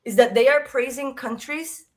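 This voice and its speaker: A woman's voice: high-pitched, normal speed. A woman from Brazil, co-hosting a casual podcast and ranting heatedly with plenty of swearing. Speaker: podcast co-host.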